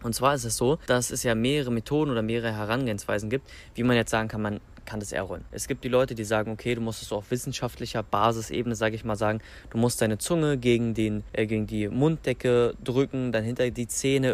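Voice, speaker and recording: A man from Germany working as a language coach, giving informal, emphatic instructions in a colloquial, motivational way. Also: medium pitch. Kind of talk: informal instructional talk to camera.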